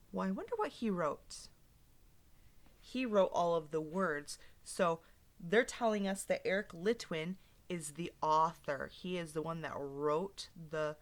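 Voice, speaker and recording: Her voice sits on the low side. A teacher reads aloud interactively to young children, putting expression into the story, keeping her explanations simple and posing questions as she goes.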